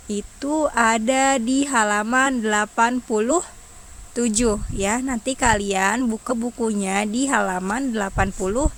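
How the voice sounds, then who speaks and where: A woman teaches young pupils in an online lesson. She talks slowly in a slightly high voice and keeps asking the children questions before she answers them. Faint crickets and light noise are heard behind her. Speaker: primary school teacher.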